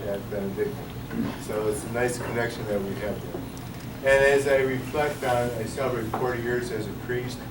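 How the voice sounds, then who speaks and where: A man's voice: medium pitch, noisy background. A man in his sixties, a priest, giving an informal talk at a luncheon, rambling with restarts and joking about himself. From United States. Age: 60s. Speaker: priest and monk speaking at a luncheon. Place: luncheon hall. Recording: roomy, distant, with loud room ambience.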